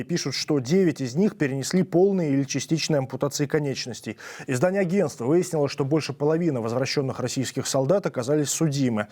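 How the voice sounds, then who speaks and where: A man's voice: fairly high pitch, mellow. A man presenting the news, reading scripted reports as narration.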